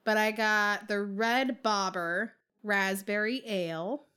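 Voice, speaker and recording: A woman's voice: mid-range voice, steady tone, slow, sharp tone, smooth. A woman from Wisconsin co-hosting a podcast in casual chat, mostly giving dry, short replies. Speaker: podcast co-host.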